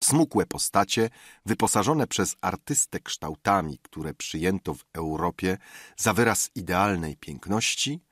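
A man narrating a classic novel in a measured, expressive reading. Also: deep voice, slightly rough, dry recording, studio quality. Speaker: audiobook narrator. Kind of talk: scripted narration.

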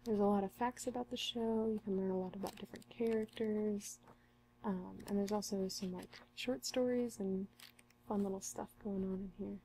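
A young woman in an ASMR role-play as a friendly, helpful librarian, speaking in a soft, intimate library soft voice. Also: mid-range voice, steady tone, normal speed, a little hiss or hum, low-quality recording. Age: young adult. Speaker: ASMR performer playing a librarian. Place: small curtained room indoors.

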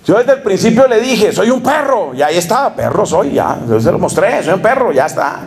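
A pushy, dismissive young boyfriend with a Colombian Spanish accent, as a preacher puts him on. He sounds high and strained, cutting off every complaint with defensive retorts. It comes across as a mocking sketch in the middle of a sermon. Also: very animated, brisk. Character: selfish evasive young boyfriend.

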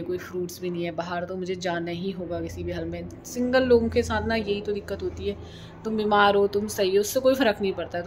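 A woman's voice: fairly low pitch, a little mellow, slight background noise. A woman in her thirties chatting casually to camera as a home vlogger, rambling and repeating herself. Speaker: vlogger and single mother. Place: indoors by a sunny window at home.

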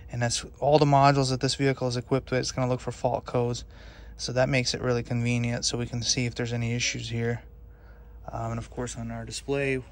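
Relaxed mechanic talking through a scan. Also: male voice, mid-range voice. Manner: relaxed, matter-of-fact, with fillers. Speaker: auto mechanic reviewing a scan tool. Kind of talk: casual hands-on demo narration. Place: inside a car in a workshop.

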